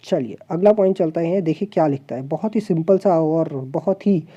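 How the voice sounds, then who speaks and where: Woman commerce tutor, deep mellow tone, quizzes students rhetorically, muffled lo-fi audio. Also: normal speed, slightly rough. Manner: explains step by step, asks the class rhetorical questions; mixes English terms into Hindi explanation. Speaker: commerce teacher. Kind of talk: online exam-prep class.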